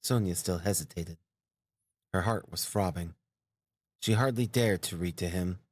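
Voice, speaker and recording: A man reading a novel aloud as an audiobook narrator, in a measured, even delivery. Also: low-pitched, husky, no echo, studio quality.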